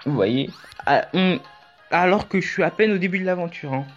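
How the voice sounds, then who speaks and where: A man's voice: sits high, moderate pace. Chatty man, dull lo-fi tutorial audio. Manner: chatty, rambling, jokey asides. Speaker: YouTube tutorial host. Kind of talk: casual walkthrough tutorial. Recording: dull lo-fi audio with faint music.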